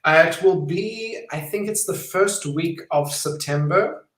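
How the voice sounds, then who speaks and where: A man talks about his film work in a relaxed, friendly way, often filling pauses with ums. His voice sits a little high and he speaks slowly. The recording has a roomy echo. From South Africa. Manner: friendly, chatty, with frequent ums and easy laughter. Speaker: documentary filmmaker. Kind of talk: casual interview answers.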